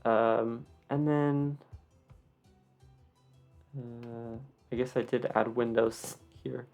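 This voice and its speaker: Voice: mid-range voice, little pitch movement, drawn-out words, creaky, a little mellow, faint music behind. A video creator with a slight lisp from wearing retainers gives a casual, unscripted tour commentary with rambling, self-deprecating asides. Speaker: video creator giving a game build tour.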